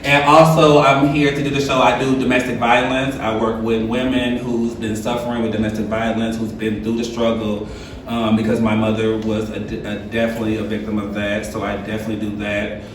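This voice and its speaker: A man's voice: fairly low pitch, flat delivery, fairly quick, slight background noise. A man in his early thirties introducing himself as a reality show cast member, sassy and joking. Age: 30s. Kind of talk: casual self-introduction. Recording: echoey room, distant mic.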